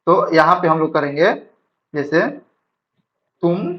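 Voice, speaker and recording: A man teaching English grammar in Hindi, reading sentences slowly and checking his students follow. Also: fairly high pitch. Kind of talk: classroom-style grammar lesson. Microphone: writing on a board while talking. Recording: dull lo-fi sound.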